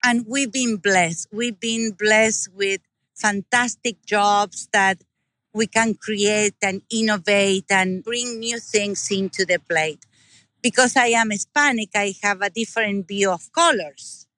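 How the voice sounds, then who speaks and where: Speaking slowly in a mid-range voice, an enthusiastic woman with an Argentine Spanish accent chats as the guest in a casual interview, where she's there as a business owner. She sounds warm and earnest, and there's no room sound.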